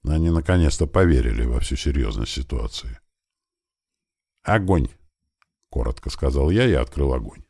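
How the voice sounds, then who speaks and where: A man reading a first-person audiobook in a plain, steady storytelling manner. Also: extremely low pitch, fairly quick, vocal fry, breathy edge, no echo, studio quality. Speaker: audiobook reader.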